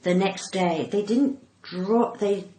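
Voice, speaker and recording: Slow and dark-toned in the mid range, the older Englishwoman's cut-glass, well-spoken delivery carries her candid podcast anecdotes. A comedian and actor, she acts out people's words dramatically; the recording has a roomy echo and faint background noise.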